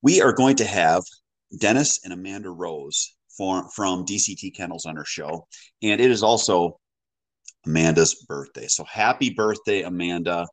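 Brief: male podcast host, very low voice, folksy and joking, casual chat. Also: normal speed, dry recording, rough recording. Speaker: podcast host and dog breeder.

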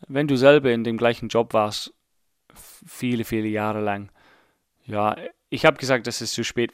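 A lowish, vocal-fried male voice, recorded dry with clean studio sound. He's an Englishman in his late thirties, a native English speaker hosting a casual solo podcast in German with an English accent, rambling and poking fun at himself as he thinks out loud.

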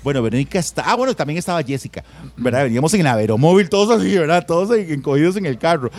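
A man with a Costa Rican accent, a former radio announcer, telling lively, laughing anecdotes full of slang and mimicking other people's voices. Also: fairly high pitch, rapid-fire. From Costa Rica. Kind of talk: casual storytelling chat.

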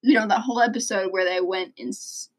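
A woman's voice: mid-range voice, a little fast. A young woman from Illinois co-hosting a podcast in casual chat, rambling and laughing often. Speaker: podcast co-host.

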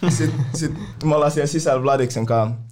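A man's voice: medium pitch, a loud crowd. Slangy, swearing young man telling stories. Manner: slangy, swears constantly, mimics people in quotes. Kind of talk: casual storytelling chat.

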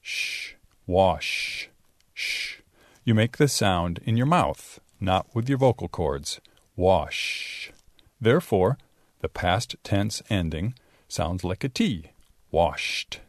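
A man teaching English pronunciation in a bilingual lesson, drawing out sounds slowly to demonstrate them. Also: low-pitched, animated, no room sound, studio quality. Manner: slow, exaggerated demonstration of sounds. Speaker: Spanish-speaking English teacher.

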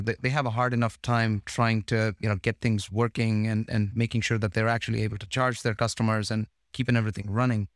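Chatting loosely in an interview-style podcast, this male host keeps circling back, restarting phrases and dropping fillers. The lowish voice comes through clean, studio-grade audio with no room sound.

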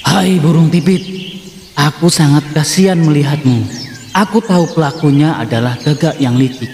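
A man's voice: fairly high pitch, normal speed, darkish tone, echoey room, big-room sound, a little hiss or hum, close to an everyday voice. A man voicing a small, honest lizard in a storybook, speaking with sympathy. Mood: concerned. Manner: sympathetic, telling the truth.

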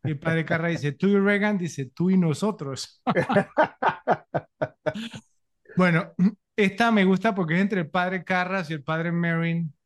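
Chatty higher-voiced man on a film podcast. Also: unhurried, long pauses. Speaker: podcast co-host. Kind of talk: casual film podcast chat.

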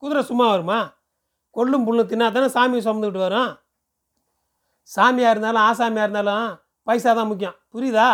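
Guy putting on a pushy temple ticket seller, high and loud, rattles off his pitch quick. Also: steady tone. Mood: brisk lecturing. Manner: brisk, lecturing, persuasive.

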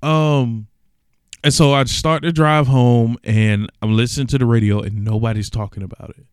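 A man's voice: medium pitch, steady tone, brisk, clear, resonant tone, dry recording, studio quality. A young man telling a personal story in an earnest, emotional way, with casual slang, as if to a podcast audience. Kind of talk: personal reflective monologue.

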